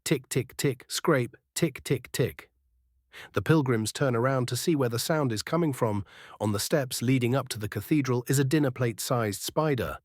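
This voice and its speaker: Guy narrating a fantasy story, normal pitch, no room echo. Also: a little mellow, clean studio sound.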